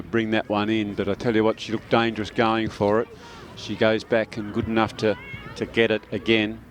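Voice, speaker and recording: A man giving relaxed live commentary on a junior football match at an outdoor ground, often pausing on "uh". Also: fairly low pitch. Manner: chatty, relaxed, fond of filler pauses. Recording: outdoor commentary with loud traffic noise.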